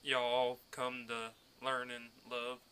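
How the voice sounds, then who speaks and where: A man's voice: medium pitch, completely flat delivery, takes it slowly, sharp tone, a little hiss or hum. A man hosting a casual podcast, easygoing as he chats and plugs the show. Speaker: podcast host.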